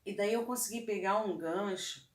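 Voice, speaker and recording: A woman's voice: mid-range voice, normal speed. A woman teacher and clown artist chatting casually, telling classroom stories with lots of tag questions. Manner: storytelling, conversational, frequent tag questions. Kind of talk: casual talk about teaching. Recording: roomy room, distant mic.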